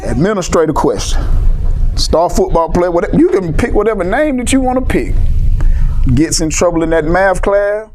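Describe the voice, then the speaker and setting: Mellow-voiced man hosting, slangy. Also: sits high, normal speed, faint music behind. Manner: relaxed and slangy. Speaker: show host. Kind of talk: casual interview hosting.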